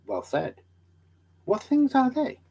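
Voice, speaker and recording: A man playing an eager, credulous, curious traveller with hammy, excitable stage delivery in a dramatic storybook reading. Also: extremely high pitch, slow, gravelly, slightly rough, pitched above the performer's own voice, full character voice. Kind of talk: dramatic reading of old allegory.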